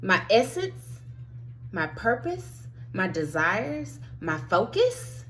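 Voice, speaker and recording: Slow, bright-voiced woman coaching listeners. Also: mid-range voice, big pitch swings, a little hiss or hum. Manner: earnest, encouraging, addresses listeners directly; heartfelt, drops to near whispers. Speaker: spiritual life coach. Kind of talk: motivational monologue.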